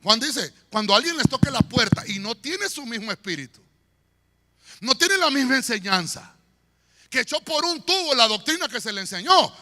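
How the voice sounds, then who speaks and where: A pastor preaching a sermon in a church, swinging between shouts and quiet murmurs. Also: male voice, very high voice. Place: church sanctuary. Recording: long church hall reverb.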